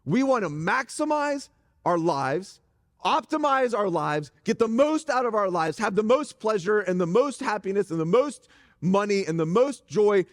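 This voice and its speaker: A middle-aged man preaches from a church stage in a chatty, conversational way, tossing jokes and asides to the congregation. His voice sits high for a man. A long reverb from the hall trails each phrase. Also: normal speed. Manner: animated, joking asides to the congregation. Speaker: pastor. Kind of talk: conversational sermon.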